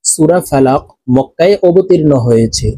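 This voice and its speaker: A man with a Bangladeshi Bengali accent teaching Quran recitation, slowly and patiently, breaking each word apart and repeating phrases. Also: a little high, animated, dark tone, no room sound. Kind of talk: slow, patient teaching with drawn-out chanted recitation.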